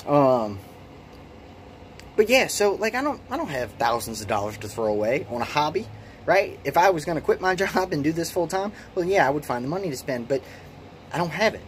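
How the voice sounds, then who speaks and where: A man's voice: fairly high pitch, big pitch swings, fairly quick, a little hiss or hum. A man in his late twenties casually walking through his home holster workshop, rambling and self-deprecating, with lots of restarts and ums. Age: late 20s. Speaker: hobby kydex holster maker. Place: small home workshop shed. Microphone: phone camera.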